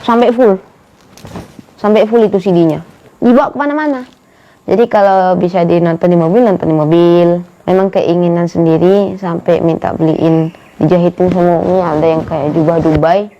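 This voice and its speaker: A woman's voice: on the low side, steady tone, normal speed. A woman, a mother, chatting casually in an interview and repeating herself for emphasis. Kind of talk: casual chat. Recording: muffled lo-fi recording.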